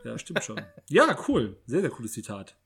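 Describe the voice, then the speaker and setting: Male chat host, casual, mid-pitched, repeats himself. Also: wildly swooping pitch, moderate pace, creaky, a bit bright, slightly rough. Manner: restarts and repeats words.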